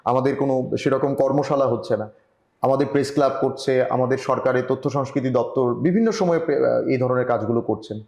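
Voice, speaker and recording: A man from Tripura, India, giving earnest advice as a journalist guest in an online interview, often pausing and restarting. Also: medium pitch, a little mellow, reverberant. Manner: earnest, advising, with frequent hesitations. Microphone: video call.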